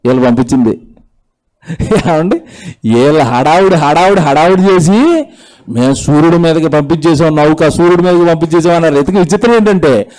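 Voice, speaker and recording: A man delivers an emphatic sermon into a microphone in a church hall. His voice sits high for a man, and he keeps pressing the congregation with rhetorical questions. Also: a little mellow. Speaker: pastor. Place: church hall with mic and projector.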